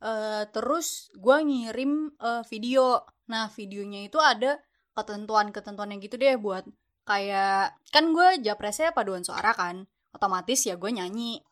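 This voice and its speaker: A young woman university student chats casually about her story in slangy Jakarta speech, padding it with lots of fillers. Her voice is mid-range and fairly bright, at a measured pace.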